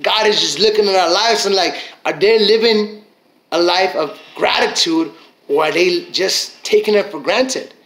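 A man's voice: high voice, normal speed, a bit bright, echoey room, low-quality recording. A man giving a motivational talk, preaching and repeating his key phrases, acting out little inner voices as he goes. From Mexican heritage. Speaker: motivational speaker.

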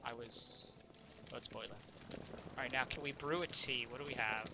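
Congested and creaky, a let's play gamer talks casually through his gameplay, musing aloud and posing questions to himself. His mid-range voice keeps a fairly even intonation at a moderate pace, with background noise behind it.

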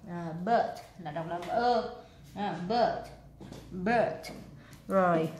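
A woman with a Vietnamese accent, an English teacher explaining exam answers in a relaxed way with many filler sounds. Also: on the low side, slow, slight background noise.

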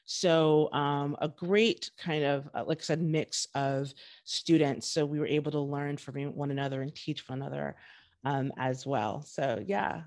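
A woman's voice: low voice, steady tone, measured pace, a little mellow. Thirties woman panelist, upbeat, casual fillers, studio mic in home room. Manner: upbeat, many ums. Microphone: studio mic on arm.

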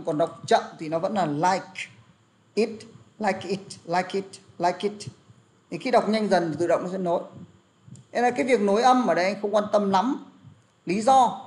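A man's voice: high-pitched, darkish tone. A young man teaching an English lesson, explaining pronunciation and drilling words aloud, with frequent fillers. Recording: faint background noise and clicks.

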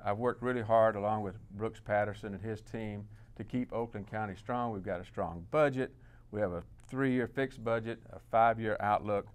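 A man in his sixties with a Mississippi accent, giving a plain-spoken campaign statement at a candidate forum. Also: fairly low pitch. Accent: Southern US, Mississippi. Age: 60s. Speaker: candidate for county commission.

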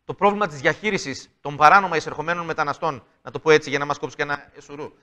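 A man's voice: on the high side, pushed and bright. A man of about forty interviewing a guest, insistent, echoing and prompting as he goes. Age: around 40. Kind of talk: interview questioning. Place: indoor room with icons. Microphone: lapel mic.

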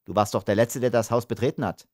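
A man's voice: medium pitch, fairly even intonation, quick pace, darkish tone, no echo, studio quality, lightly acted. A man reading an audiobook, voicing an arrogant army lieutenant who speaks with contempt. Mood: sneering. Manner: sneering, contemptuous.

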